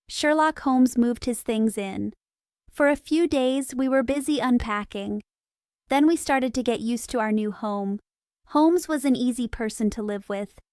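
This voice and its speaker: A woman narrating a story in clear, steady, simple storytelling for English learners, on a close studio microphone. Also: a little high, dry recording. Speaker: audiobook narrator.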